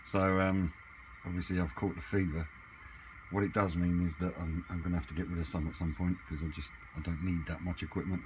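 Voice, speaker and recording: On a clearly noisy amateur camera recording, a hobbyist vlogger chats off the cuff, hesitating as he thinks aloud. His voice sits low with a level tone, and he talks briskly.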